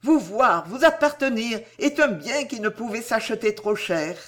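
A man's voice: very high-pitched, lively intonation, a little slow, fairly bright tone, voice pushed up, exaggerated voice. A man reading an audiobook, voicing a frail young woman who speaks faintly and tenderly.

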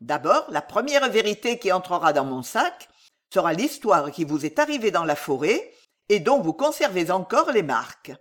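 A woman's voice: lowish voice, big pitch swings, normal speed. A woman voicing a bold, teasing young male shepherd in a read-aloud folk tale. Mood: cheeky.

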